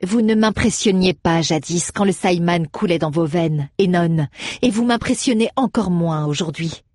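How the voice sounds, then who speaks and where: A poised young heroine, as a woman narrator voices her, calm and commanding with cutting sarcasm. The voice sits low and husky, recorded dry and close. She sounds fully in control in this audiobook scene. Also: normal speed, no room sound, close to an everyday voice. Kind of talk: audiobook character voice.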